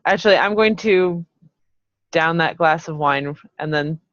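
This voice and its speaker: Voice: medium pitch, measured pace, fairly bright tone, no echo. Player speaking in character, dull recording. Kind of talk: role-playing a character in a tabletop game.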